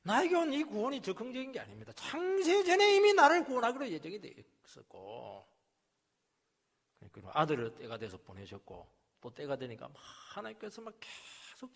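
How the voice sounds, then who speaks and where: A male pastor preaching a sermon, dropping to quiet asides and then rising to loud, emphatic passages, and acting out the complaints and rebukes he quotes. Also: high voice, creaky, husky. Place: church sanctuary. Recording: long reverb of a church hall.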